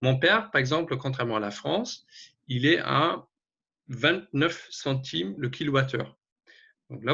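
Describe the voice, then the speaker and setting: A native German speaker with a German accent presents slides as an energy advisor in an online webinar, in a semi-spontaneous explanatory style. His mid-range voice is creaky, pushed and bright with a breathy edge, and he hesitates often and keeps correcting himself. The webinar audio sounds dull and lo-fi.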